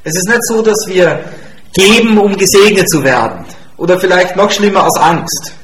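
A man's voice: high voice, moderate pace, a bit bright. A man preaching a sermon in a church hall as the congregation's pastor, speaking emphatically and repeating his key points. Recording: echoey church room.

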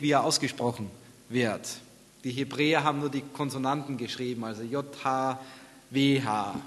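Male preacher, sermon delivery, soft asides and booming readings, long reverb. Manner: swings from soft, near-whispered reflection to loud, high-pitched scripture reading.

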